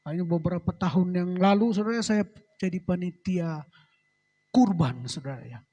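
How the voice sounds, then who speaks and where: A middle-aged man, a pastor, giving a personal testimony in church and ending phrases with a soft, trailing address to the congregation. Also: high-pitched, moderate pace. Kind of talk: sermon testimony.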